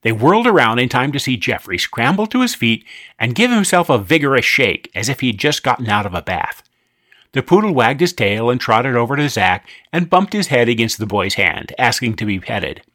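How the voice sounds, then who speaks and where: A man narrates a children's story with a lively, swinging delivery. His voice sits at an ordinary pitch, and the recording is dry and close, with no room sound. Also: normal speed, no echo. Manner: expressive, animated reading.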